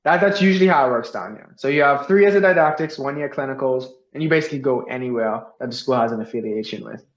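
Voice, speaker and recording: A man's voice: mid-range voice, fast talker. A young man from the Bahamas, a veterinary student, talking earnestly as a guest in a casual interview. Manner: earnest, uses many fillers like "like". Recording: roomy, dull lo-fi sound.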